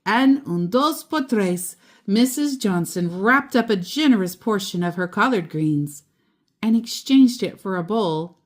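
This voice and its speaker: Reading a children's picture book expressively, a woman storyteller uses a mid-range, expressive voice. She gives descriptive words deliberate, dramatic weight.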